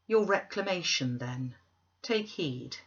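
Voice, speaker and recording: A woman voicing a solemn, gentle ghostly spirit with a measured, stately delivery in a storybook reading. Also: low voice, animated, dull audio, exaggerated voice. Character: solemn, gentle, dwarfish Ghost of Christmas Past.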